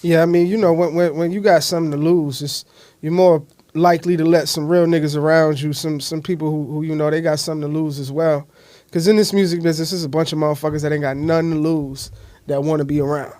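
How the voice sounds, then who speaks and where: A man's voice: on the high side, fairly even intonation, fast, a little mellow, no room sound. An American man hosting a casual interview, asking questions in blunt, profane slang. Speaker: podcast host.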